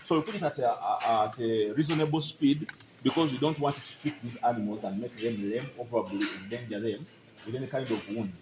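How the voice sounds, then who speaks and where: This is a man with a medium-pitched, brisk voice, working as a farm guide in a dairy barn. He explains the operation to visitors one step at a time, regularly asking "you get my point?" to confirm they're keeping up, and the barn audio is noisy.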